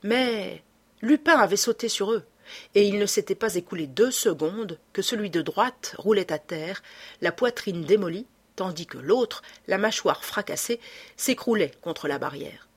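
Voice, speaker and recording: A woman narrating an audiobook with a dramatic, expressive reading. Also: medium pitch, normal speed, husky.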